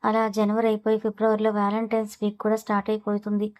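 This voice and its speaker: A woman narrating a serialized novel as an audio storybook, in a brisk, even storytelling manner. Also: medium pitch.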